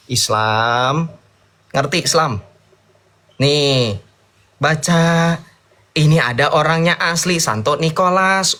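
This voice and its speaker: A man with a somewhat high voice, debating in a combative, mocking way. He talks fast and keeps challenging the other side, and he stops now and then to read passages aloud. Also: a bit bright. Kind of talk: heated debate.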